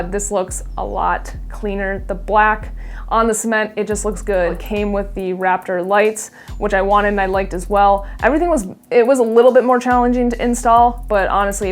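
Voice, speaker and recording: Chatty young woman vlogging about her truck. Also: medium pitch. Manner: chatty, enthusiastic, with frequent fillers and restarts. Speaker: vlogger reviewing truck mods. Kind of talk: casual vlog talk.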